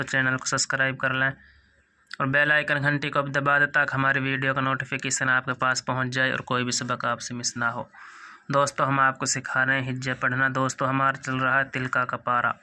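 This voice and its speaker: A man teaching Quran reading, spelling it out one syllable at a time and slowly reciting verses, gently correcting how listeners pronounce the letters. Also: mid-range voice, clean tone. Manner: gently correcting pronunciation, addressing viewers as friends.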